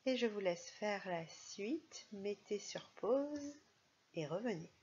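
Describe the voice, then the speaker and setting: Slow, breathy woman teaching phonics. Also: medium pitch, lively intonation, a little mellow, muffled recording. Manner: slow, patient, stresses sounds and syllables. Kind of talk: primary school phonics lesson.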